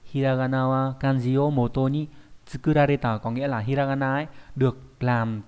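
A man's voice: medium pitch, level tone, brisk, a little mellow, clean tone. A male teacher walks students through a Japanese grammar point in an online lesson. He explains patiently and thinks aloud with small fillers. He keeps checking whether they follow. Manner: explains patiently, often checks with "đúng không?".

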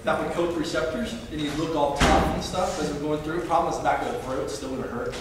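A man's voice: fairly high pitch, quick pace. A man in his thirties, a professor talking informally to a class while in pain, his mouth numb and burning from spicy food. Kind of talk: informal demonstration talk to a class. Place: lecture hall, standing at the front. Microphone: distant camera microphone. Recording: echoey, noisy lecture hall from far off.

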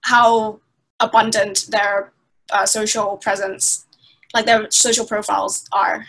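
Her voice is mid-range, slow and level with a fairly bright tone, captured roughly through a laptop webcam. She's a Thai woman in her twenties, a video-call guest in a small indoor room giving long, thoughtful conversational answers with lots of fillers and restarts.

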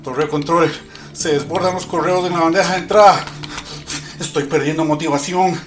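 A man's voice: medium pitch, fairly even intonation, moderate pace, a little hiss or hum, natural voice. A man playing a weary young office engineer who reports to the control tower like a spaceship pilot on a headset, in clipped official phrases. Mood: overwhelmed, pleading. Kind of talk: comedy sketch, mock pilot radio reporting from a cockpit.

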